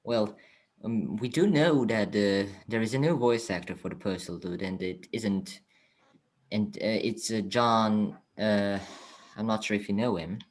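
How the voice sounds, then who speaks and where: A man's voice: on the low side, measured pace. A man hosting a podcast, asking questions with hesitant phrasing. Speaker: podcast host. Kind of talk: interview questions.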